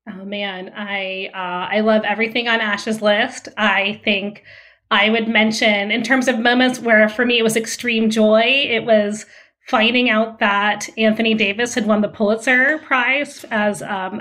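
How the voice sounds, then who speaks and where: A woman from Austria, a music scholar, talking as a guest in a casual podcast interview, animated and quick to laugh. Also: medium pitch.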